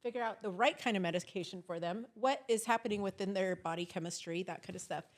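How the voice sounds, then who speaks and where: Therapist woman chatting away on a podcast, keeps clearing her throat. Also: medium pitch, fast. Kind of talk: casual conversational interview.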